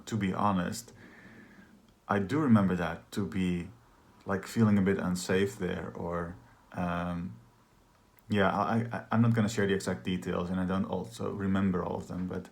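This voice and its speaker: A man's voice: sits low, creaky, a little mellow. A man candidly telling a personal story in a rambling, casual way, full of filler words. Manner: candid and confessional. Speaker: trauma healing practitioner.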